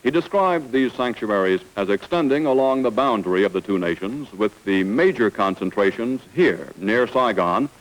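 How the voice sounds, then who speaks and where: A man's voice: fairly low pitch, animated, moderate pace, few pauses, rough recording. A man giving formal, scripted narration in the manner of an old newsreel announcer.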